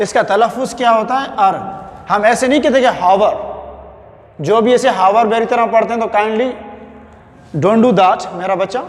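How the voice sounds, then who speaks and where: Man teaching grammar, very high voice, slow deliberate dictation, Sindhi-accented Urdu, echoey classroom with long reverb. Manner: slow, dictates words syllable by syllable, calls students "my child". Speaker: English teacher. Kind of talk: classroom lesson explaining grammar.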